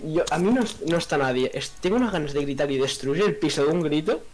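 A man's voice: animated, fast, a little mellow, faint music behind. A teenage man from Spain with a Spanish accent, chatting on a voice call with a friend and bursting into swearing outbursts. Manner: swears in sudden high outbursts. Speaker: gamer friend. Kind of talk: casual chat on a voice call.

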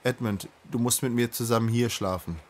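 A man's voice: medium pitch, fairly even intonation, moderate pace, a little mellow, slight background noise, lightly acted. A man reading aloud and voicing a friendly young king who reassures his companions.

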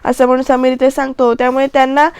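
A woman with a high, smooth voice casually retells a TV serial's episode, chatting straight to her viewers. Her voice is close and dry, with no room sound. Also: completely flat delivery, fast, a little mellow, dry recording. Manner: chatty, addresses viewers directly. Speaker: serial recap narrator.

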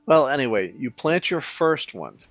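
A man talking through a game tutorial in a relaxed, casual way, thinking aloud with fillers as he clicks along. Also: mid-range voice, moderate pace, no room sound, lo-fi sound. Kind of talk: casual screen-recorded tutorial.

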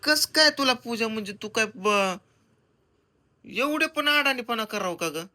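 Loud and bossy, this young husband and father, a comedy vlogger, teases and scolds his wife for a funny family vlog. He has a very high-pitched voice with lively intonation and a measured pace.

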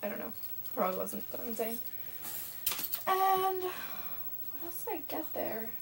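In a small bedroom, a young adult woman from Canada does a haul video, talking casually and rambling with lots of fillers. Her high voice is sing-song and unhurried. A desk-distance webcam mic captures it with a faint hiss.

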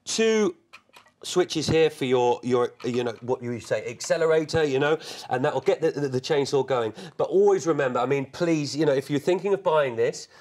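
A man's voice: fairly high pitch, expressive, normal speed, a little mellow. Chatty man demonstrating in a studio. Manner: chatty, full of restarts and fillers. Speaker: product demonstrator. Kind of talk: TV shopping demonstration. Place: TV shopping studio set.

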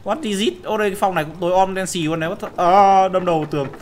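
A young man with a slightly high voice talks his way through a horror game as a gaming host. He yelps and shouts at the scares and drops to a mutter while sneaking. A faint hiss of noise sits under the recording. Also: rapid-fire. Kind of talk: horror game let's play commentary.

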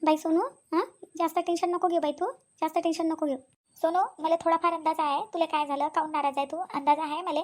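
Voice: very high voice, level tone. A voice actor playing an older village aunt with a Vidarbha Marathi accent who gives firm, repetitive advice in a cartoon. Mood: advising. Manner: preachy, repeats points, fast. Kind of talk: cartoon voice acting.

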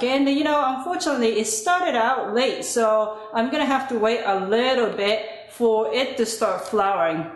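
Slow-talking woman with big echo. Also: mid-range voice. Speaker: host of a home gardening video channel. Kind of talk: casual narration of a plant update. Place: echoey indoor room with bare walls. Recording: very echoey bare room.

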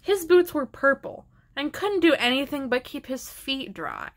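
A woman reads a children's picture book aloud at an unhurried pace. Her voice sits a little high and stays gentle and expressive throughout. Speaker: storybook reader.

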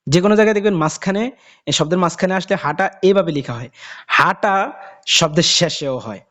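In an informal lesson on reading the Quran, a high-pitched man explains the letters, repeatedly drawling each letter's name slowly. He sounds expressive, and his tone is fairly bright.

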